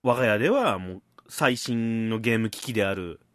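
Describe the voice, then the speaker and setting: A man's voice: on the low side, lively intonation, brisk, no room sound. A man in his early thirties from Hakata, co-hosting a podcast in casual chat and teasing with frequent laughs. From Hakata, Fukuoka. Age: early 30s. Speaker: podcast co-host.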